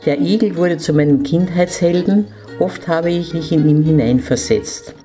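A woman reading a fairy tale to children, in a gentle manner and speaking to them directly. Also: fairly low pitch, moderate pace, faint music behind.

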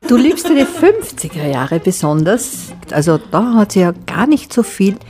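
A radio host with an Austrian accent keeps a casual interview lively, her style playful and colloquial. Her mid-range voice swings widely in pitch and moves a little slowly. Music plays in the background of the broadcast.

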